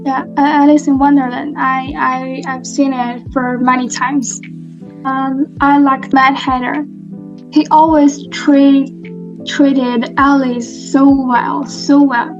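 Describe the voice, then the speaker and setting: A woman's voice: sits high, flat delivery, takes it slowly, lo-fi sound, music in the background. A woman student from northern China answering hesitantly, repeating words.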